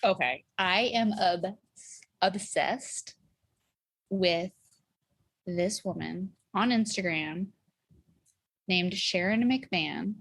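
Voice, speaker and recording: A woman's voice: fairly low pitch, very slow, long pauses, a bit bright, breathy edge, no echo. A woman in her thirties, a guest on a podcast, chatting casually and filling her talk with "like" and "you know.". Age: 30s. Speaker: podcast guest, communications director. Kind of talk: casual chat.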